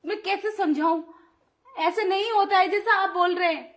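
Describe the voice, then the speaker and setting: A voice actress plays an indignant young wife in a Hindi audio drama, scolding her brother-in-law with sharp protests. Her voice sits very high, and she speaks at a moderate pace.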